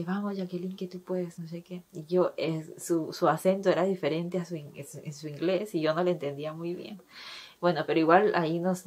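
A young adult woman vlogger telling a personal story in a casual, halting way, with many restarts and fillers. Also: fairly low pitch, darkish tone, slightly rough.

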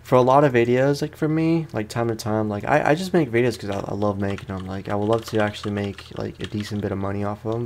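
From a room at home, a man on the low side of pitch gives rambling let's-play commentary in informal slang, talking to viewers as he plays. A gaming content creator, he has vocal fry and a darkish tone, with slight background noise.

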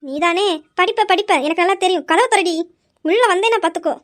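A woman playing a bossy, sharp-tongued mother who scolds her daughters in a comic family skit. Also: very high voice. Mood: scolding. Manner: bossy, scolding, quick retorts.

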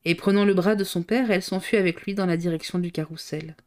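A woman reading a novel aloud on a live stream, narrating in a steady, clear way. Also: fairly low pitch, fast.

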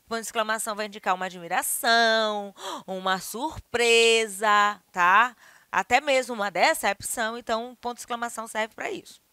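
A Brazilian Portuguese-speaking woman teaching a grammar lesson, acting out exclamations with big jumps in pitch and loudness. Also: clean tone, dry recording. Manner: highly expressive, acts out exclamations with big shifts in pitch and volume.

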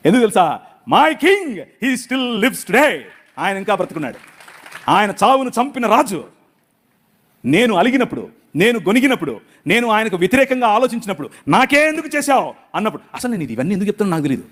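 A man's voice: sits high, big pitch swings, a little fast. A middle-aged male pastor with a Telugu accent preaching a passionate sermon. He acts out prayers and God's replies.

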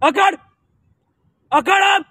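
A man's voice: very high voice, drawn-out words, sharp tone, heavily acted. A young man acting in a staged vlog skit, playing a bystander who confronts a bully with curt, repeated orders. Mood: interrogating. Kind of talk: staged street drama.

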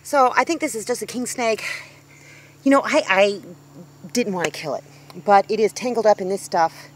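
A woman's voice: mid-range voice, normal speed, slight background noise. A woman in her fifties talking casually to a handheld phone camera outdoors on her homestead porch, rambling with lots of ums and restarts. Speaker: homestead vlogger. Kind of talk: casual vlog talk to camera. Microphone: handheld phone camera at arm's length.

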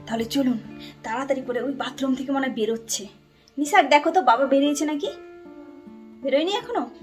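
A woman vlogger chatting casually to her viewers from her family home, lively and direct. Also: high-pitched, brisk, faint music behind. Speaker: vlogger and mother.

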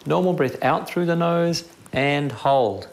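A middle-aged man with a New Zealand accent, a breathing instructor who explains and gives brisk, instructive directions. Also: fairly high pitch, gravelly. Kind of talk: interview and instruction.

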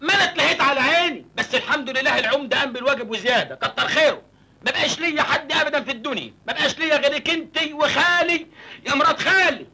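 Cheeky, hungry Egyptian village lad; high, fast, bright delivery. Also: male voice, creaky, full character voice. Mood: pleading. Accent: Egyptian Arabic. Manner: wheedling and joking, giggles. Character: naive village youth, orphaned, cheeky, always hungry. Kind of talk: 1980s film comedy acting.

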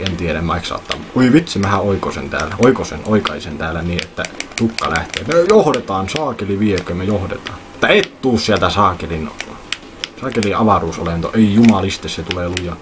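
A man's voice: low-pitched, lively intonation, background noise. A man commenting on his racing game with rambling jokes and mild swearing. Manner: rambling, jokey, swearing, mock-pleading. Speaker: let's play gamer. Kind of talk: let's play commentary.

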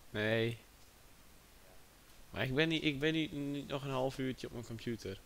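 A man's voice: mid-range voice, unhurried, gravelly, a bit bright, a little hiss or hum. A man chatting casually on a livestream, distracted and talking to his chat and a friend. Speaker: livestream host.

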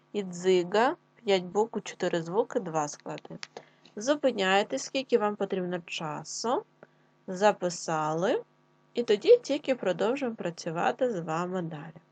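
A woman primary school teacher with a Ukrainian accent, leading a classroom lesson and spelling out sounds clearly. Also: mid-range voice. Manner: slow, clear, drawn-out dictation with sounds spelled out.

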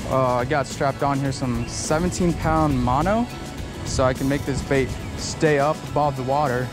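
A young man, chatting casually and excitedly while fishing from rocks at a park pond, rambling through explanations with lots of fillers. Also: mid-range voice, moderate pace, music in the background. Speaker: fishing vlogger. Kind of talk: casual outdoor fishing vlog. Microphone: head-mounted action camera.

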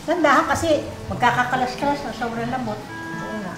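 A middle-aged woman chatting casually in a kitchen, speaking quietly and plainly as she gives short cooking steps. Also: on the high side, brisk. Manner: quiet and plain-spoken, giving brief cooking instructions. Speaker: host's mother, cooking guest. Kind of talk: casual chat. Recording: roomy sound with loud background music.

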